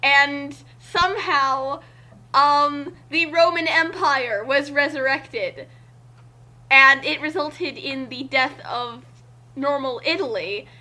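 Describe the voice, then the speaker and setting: With a high-pitched voice and a slow pace, a woman casually reads fan fiction out loud and chats, excitedly rambling as she stumbles over her words.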